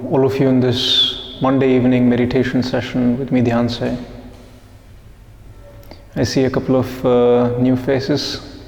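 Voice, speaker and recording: Slow, calm male meditation teacher in an echoey hall. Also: mid-range voice, a little hiss or hum. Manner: slow, calm, asks the group questions and repeats their answers. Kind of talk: live guided meditation talk. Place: meditation hall with a live group.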